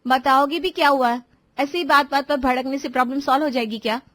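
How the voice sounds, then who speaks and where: A woman's voice: sits high, steady tone, fast, fairly bright tone. A woman voicing a young newlywed wife who argues back defensively with her husband. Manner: defensive, exasperated. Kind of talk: Hindi cartoon voice acting.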